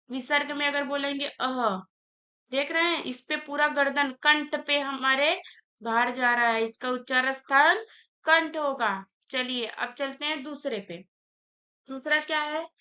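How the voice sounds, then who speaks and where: A woman's voice: high voice, sharp tone, muffled recording. A woman teaching an online grammar lesson, saying sounds aloud one by one and explaining each step.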